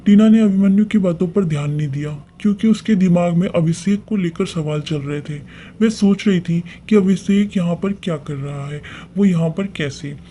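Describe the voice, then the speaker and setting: A man narrating a story in a steady, plain way as storyteller. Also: high voice, moderate pace, a little hiss or hum.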